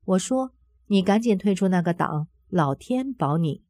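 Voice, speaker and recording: A woman with a mellow, warm voice reads a first-person story aloud, earnest and steady. The sound is dry and close, with no room around it. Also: fairly low pitch, measured pace, dry recording. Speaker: narrator reading a personal testimony.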